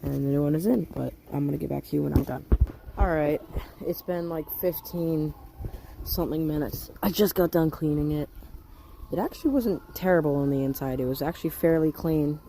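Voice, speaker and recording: A young hobby mechanic vlogger with a rather high, gravelly, dark voice talks a little fast while fixing a small engine. He rambles in slang and corrects himself, filmed on a noisy home phone first on a deck in light rain, then in a shed.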